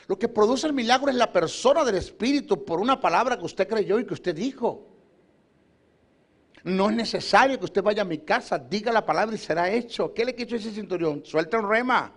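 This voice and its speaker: A middle-aged male preacher with a high-pitched voice. He teaches scripture in an emphatic way and piles up repeated phrases as he urges his listeners on. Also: animated, a little fast. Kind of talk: sermon teaching.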